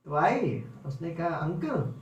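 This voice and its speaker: A man's voice: high voice, very animated, moderate pace. A man giving a spiritual class, telling stories, acting out voices and asking the audience questions. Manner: storytelling, acts out voices, asks the audience. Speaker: spiritual teacher. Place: lecture hall with audience. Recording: echoey hall mic from far off.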